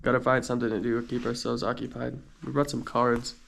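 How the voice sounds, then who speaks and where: A man's voice: mid-range voice, flat delivery, fairly quick, vocal fry, fairly bright tone, a little hiss or hum. A man narrating an overnight camping vlog in a casual, informal, understated way. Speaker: vlogger.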